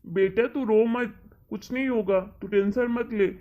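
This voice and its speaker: Man voicing a gentle old father. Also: high voice, steady tone, measured pace, narrow, tinny audio. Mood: soothing.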